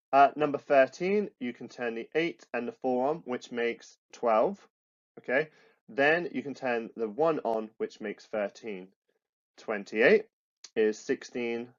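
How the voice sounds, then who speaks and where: A man's voice: medium pitch, lo-fi sound. A man with a British accent teaching computer science to students over slides, explaining step by step with frequent restarts and fillers. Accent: British English. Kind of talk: recorded classroom lesson with slides.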